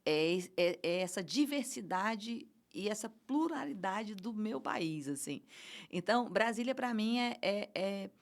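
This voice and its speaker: A middle-aged Brazilian woman, an event producer guesting on a casual interview, speaks Portuguese with a medium-pitched voice, lively intonation and a measured pace. She's passionate and emotional, stumbling over restarts and fillers.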